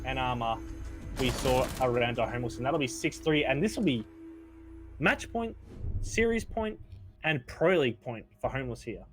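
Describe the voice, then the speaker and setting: A man calling an esports match play by play, quick and excitable as he follows the action. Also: mid-range voice, faint music behind. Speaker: esports caster. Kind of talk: play-by-play commentary. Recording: noisy stream audio.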